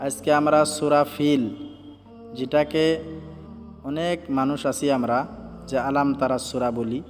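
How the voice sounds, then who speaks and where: A man's voice: mid-range voice, steady tone, measured pace. A man teaching correct pronunciation, patiently repeating and sounding out syllables. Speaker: recitation teacher. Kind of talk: explanatory lesson. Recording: reverberant with faint music.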